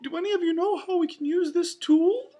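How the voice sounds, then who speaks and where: A woman's voice: very high-pitched, brisk, mellow, pitched above the performer's own voice. A woman voicing a cheerful male cartoon mouse with bubbly, exclaiming delivery while reading a storybook. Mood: concerned, pleading.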